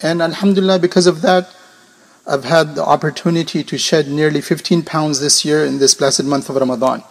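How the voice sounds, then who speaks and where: A man preaching formally and emphatically to a congregation, his voice coarse, gravelly and hoarse from a sore throat, restating points in synonyms. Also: a little high, steady tone, brisk. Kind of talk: sermon to a congregation.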